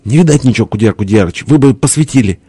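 A man's voice: medium pitch, lively intonation, quick pace, warm tone, slightly rough, dry recording, pitched above the performer's own voice. A man voicing an eager, sulky young son-in-law with a raised voice. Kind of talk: audiobook character voice.

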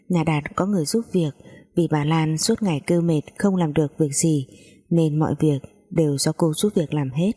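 A woman narrates a family tale in a calm, steady way. Her voice sits low and mellow with a husky edge. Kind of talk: storytelling narration.

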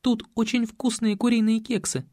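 Мужчина, озвучивающий болтливую пугливую молодую женщину, которая щебечет и хнычет. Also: male voice, extremely high pitch, level tone, normal speed, dark tone, no echo, clean studio sound, voice pushed up. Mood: chattering. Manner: chirping, whiny, pleading. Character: young woman, chattering, jumpy and gossipy.

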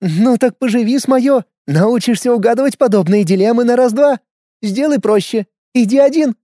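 A man voicing a sharp-tongued, self-assured older woman who talks down to a younger man in a knowing, lecturing way. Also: very high voice, normal speed, no echo, clean studio sound, voice pushed up. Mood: lecturing, breezy.

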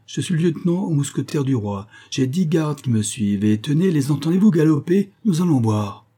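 A man's voice: a little high, lively intonation, moderate pace, mellow, pitched above the performer's own voice. A man voicing a bold young male musketeer lieutenant with a strident, commanding and mocking way of speaking.

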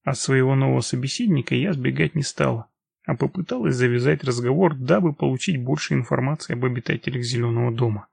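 A man reading a first-person action story as an audiobook narrator, steady and measured. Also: medium pitch, vocal fry, breathy edge, dry recording.

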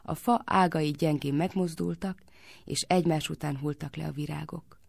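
A woman reading a storybook tale aloud for radio in a measured, expressive way. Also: low-pitched, gravelly, no room sound, clean studio sound.

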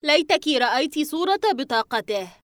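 A woman reader voicing a blunt, teasing young female friend in an audiobook, talking in a lively way. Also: sits high, normal speed, dry recording, studio quality, pitched above the performer's own voice.

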